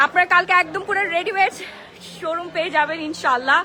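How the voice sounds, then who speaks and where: A hoarse woman running a live sales stream from her unfinished showroom, talking in brisk, excited selling patter. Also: very high voice. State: hoarse from shouting all day. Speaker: shop owner selling clothes on a live stream. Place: unfinished mall showroom with workers around.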